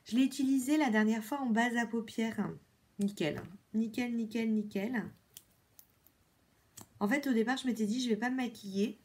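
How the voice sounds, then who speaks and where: A beauty vlogger chats casually while reviewing a makeup product, often repeating words and filling pauses with many fillers. Her voice is slightly high and darkish, with fairly even intonation.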